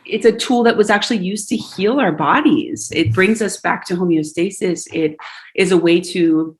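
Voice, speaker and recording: This low-quality recording captures a Hawaii-born singer and yoga teacher as a podcast guest. Her fairly low voice moves at normal speed, and she chats casually in an earnest, reflective way full of fillers and restarts.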